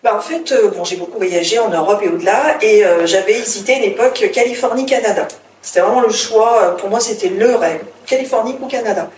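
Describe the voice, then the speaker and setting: Her medium-pitched voice is fairly quick and slightly mellow as this middle-aged French interview guest recounts her story, stumbling and restarting often in casual conversation. A faint hiss sits behind the roomy, distant-mic recording.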